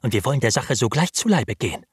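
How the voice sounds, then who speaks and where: A man reading the part of an anxious, loyal older male butler, speaking in an urgent, hushed and insistent way. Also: medium pitch, animated, fast talker, slightly rough, no echo, clean studio sound.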